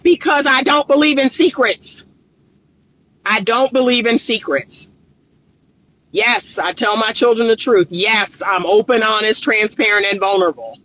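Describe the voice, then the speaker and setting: High bright voice, woman in her 50s preaching into her phone from the driver's seat, repeats herself for punch. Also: low-quality recording. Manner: emphatic, preachy, repeats phrases for stress. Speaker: relationship coach and counselor. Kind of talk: casual talking-head vlog. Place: inside a parked car. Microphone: phone camera on the dashboard.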